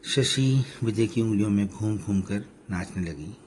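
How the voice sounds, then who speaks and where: Male storyteller, low voice, steady plain narration, faint noise behind. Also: unhurried.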